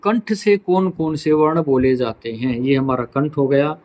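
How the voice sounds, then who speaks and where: A man teaching a pronunciation lesson, sounding out each sound one at a time to show it. His voice sits a little high for a man, and he speaks very slowly and deliberately. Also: darkish tone, poor audio. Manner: slow, demonstrates each sound aloud.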